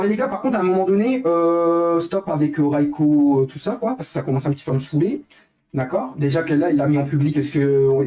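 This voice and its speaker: Young guy streamer going off at chat, kinda high voice, keeps repeating himself. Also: warm tone. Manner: heated, repetitive, addresses chat as guys. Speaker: livestreamer. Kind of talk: angry live stream rant to chat.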